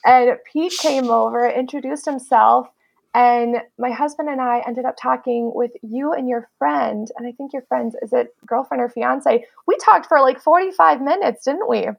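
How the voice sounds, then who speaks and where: Host: upbeat woman, high voice with a gravelly fry, relaxed chat. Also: moderate pace. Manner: upbeat, conversational. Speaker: podcast host. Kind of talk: casual podcast chat.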